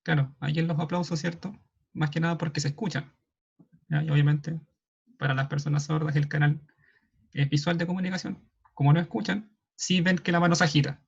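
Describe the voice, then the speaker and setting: Gravelly-voiced Chilean man teaching online. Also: a little high, steady tone, brisk, long pauses. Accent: Chilean Spanish. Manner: checks in often with a questioning "ya". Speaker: sign language class moderator. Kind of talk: online class explanation. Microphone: video call. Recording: dull lo-fi video call audio.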